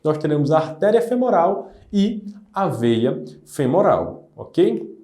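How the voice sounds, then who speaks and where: A man teaches anatomy in a careful, methodical way, often pausing to check that his listeners follow. His voice sits a little high yet sounds mellow and soft-edged. The room gives it a noticeable echo. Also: sing-song. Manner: methodical, repeats terms, checks in with "ok?" and "né?". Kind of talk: explanatory lecture.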